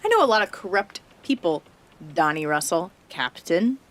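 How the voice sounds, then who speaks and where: Low-voiced woman player, blunt. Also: sing-song, moderate pace. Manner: blunt, probing questions. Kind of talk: tabletop role-play.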